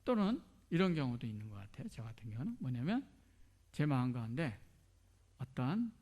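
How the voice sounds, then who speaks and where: A man's voice: medium pitch, sing-song, fairly quick, darkish tone. A middle-aged man preaching a sermon as a pastor, asking rhetorical questions and dropping to near whispers.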